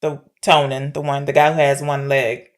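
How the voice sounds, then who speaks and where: A film podcast co-host with a rumbling low voice casually recaps a plot at normal speed, keeping her tone level. She retells the story informally and checks her wording with her partner as she goes.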